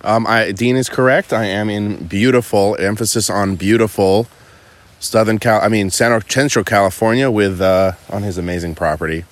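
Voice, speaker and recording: A man's voice: fairly low pitch, steady tone, normal speed. A man who is a podcast guest, telling stories in a cheerful, chatty way. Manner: upbeat, laughing, storytelling. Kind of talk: casual podcast chat. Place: at a home property in California.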